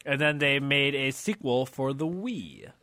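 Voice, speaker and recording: Casting: bright, animated male co-host, defensive and excitable, dry close sound. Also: mid-range voice, a little slow, dry recording. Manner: self-deprecating, defensive, excitable. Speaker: podcast co-host. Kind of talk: casual chat.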